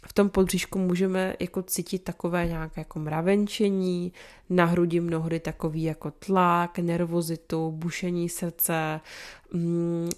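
A young woman hosting a podcast, explaining things in a calm, conversational way with many small fillers. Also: on the low side. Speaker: podcast host, psychology topics.

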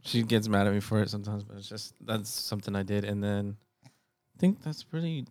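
Low-voiced man, halting casual talk. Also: a little mellow. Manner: halting, restarting storyteller. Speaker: podcast co-host. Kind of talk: casual chat.

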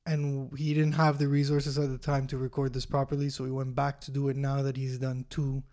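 A man co-hosting a casual music podcast, talking in a relaxed, informal way. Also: medium pitch, brisk. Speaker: podcast co-host. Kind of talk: casual chat about albums.

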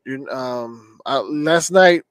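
A man co-hosting a casual sports podcast, halting and repeating his words. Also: medium pitch, a bit bright, clear, resonant tone, no echo. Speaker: podcast co-host.

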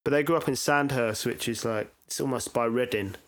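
A man's voice: medium pitch, brisk, fairly bright tone, no echo. A man with a south London accent talking informally and reflectively about his own life as an interview guest, with slangy phrasing and lots of "you know". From England, born in south east London and grew up in Brighton.

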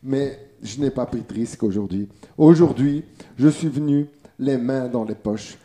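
A man who is a guest on a casual podcast, excitable and swearing freely. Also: mid-range voice, unhurried.

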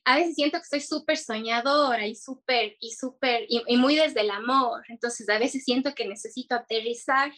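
A woman's voice: fairly high pitch, moderate pace, few pauses, a bit bright. A young woman chatting casually in an interview, earnest and hesitant, with many fillers and restarts. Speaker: guest entrepreneur.

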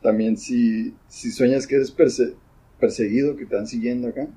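Mellow husky young Mexican man. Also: medium pitch, fairly even intonation, moderate pace, low-quality recording. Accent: Mexican Spanish. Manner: laid-back, slangy. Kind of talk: casual chat.

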